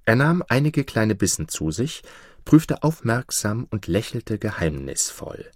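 A male storyteller reading a fairy tale with an expressive, animated melody. His voice is on the low side and he takes his time, recorded dry and close. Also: a little slow, no room sound.

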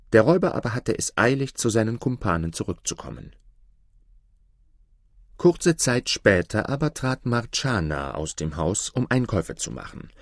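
A man reading a fairy tale aloud in an expressive storytelling manner. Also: lowish voice, dry recording, clean studio sound.

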